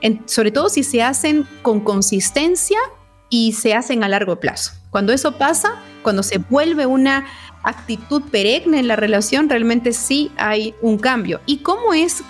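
A woman's voice: a little high, lively intonation, moderate pace, faint music behind. A woman psychologist explaining relationship advice, often checking in with her listeners with short questions.

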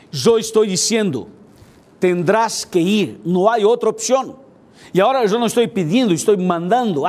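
A man preacher voicing God speaking to Moses, commanding at times and gently reassuring at others. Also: high-pitched, exaggerated voice. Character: patient but firm God speaking to Moses.

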